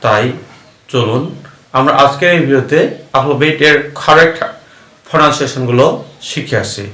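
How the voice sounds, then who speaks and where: A man with a Bengali accent teaches English letter sounds in a patient classroom manner. He repeats each sound slowly and explains where the lips and tongue go. His mid-pitched voice rings in an echoey room. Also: bright, forceful tone. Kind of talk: classroom-style lesson.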